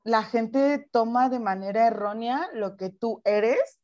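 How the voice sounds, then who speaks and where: Lively Mexican woman telling stories. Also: on the high side, slow pace, muffled recording. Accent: Mexican Spanish. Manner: animated storytelling, acts out quotes. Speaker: podcast co-host. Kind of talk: casual chat.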